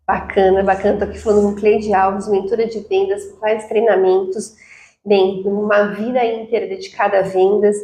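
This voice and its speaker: A woman's voice: medium pitch, level tone, moderate pace, dark tone, a little hiss or hum. A woman hosting an interview, asking questions and chiming in with short agreeing remarks. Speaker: interview host. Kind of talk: casual interview. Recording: echoey room.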